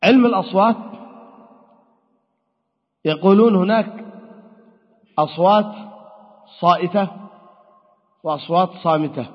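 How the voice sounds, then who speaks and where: His voice sits high with a breathy edge, and he speaks at a measured pace with long pauses. The man is lecturing on Arabic grammar, going step by step and answering questions he poses himself. The lecture hall recording is dull and long-echoing.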